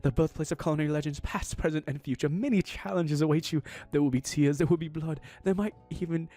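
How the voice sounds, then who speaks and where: A man voicing a small, fluffy corgi professor who lectures grandly and demands respect, well above his own pitch. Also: steady tone, quick pace, mellow, faint music behind, lightly acted. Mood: grandiose.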